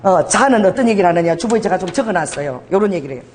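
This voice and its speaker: A woman's voice: lowish voice, lively intonation, very fast, a little mellow, slight background noise. A middle-aged woman pastor preaching a sermon, telling stories animatedly and laughing often.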